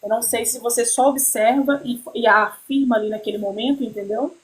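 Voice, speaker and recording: A woman with a high, bright-pitched voice talks casually as host of a chat. She tells personal stories with lively swings in feeling and keeps checking that the listener follows. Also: fairly quick, low-quality recording. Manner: tells stories animatedly, often checks in with "entendeu?". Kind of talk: casual conversation.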